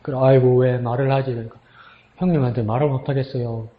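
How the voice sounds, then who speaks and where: A man's voice: medium pitch, steady tone, quick pace. A man, a pastor, preaching an emotional, storytelling sermon to his congregation and rising into a pleading tone when he voices God's words. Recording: roomy, slightly dull sound.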